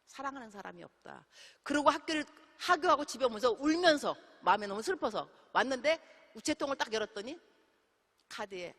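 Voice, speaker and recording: A middle-aged woman missionary preaching a sermon in a church, telling stories in an animated way and acting out the dialogue. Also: sits high, brisk. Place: church sanctuary. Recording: long hall reverb.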